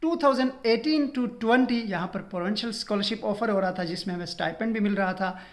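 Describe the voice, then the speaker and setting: A man's voice: sits high, fast talker. A young man from Pakistan, vlogging and earnestly advising students, dropping English phrases into his talk. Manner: earnest advice, code-switching with English phrases. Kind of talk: casual informational vlog.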